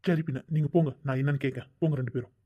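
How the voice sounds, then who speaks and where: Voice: medium pitch, fairly even intonation, very fast, voice pushed down, lightly acted. A voice actor playing a protective, caring elder brother in a cartoon, coaxing and soothing. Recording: dull lo-fi recording.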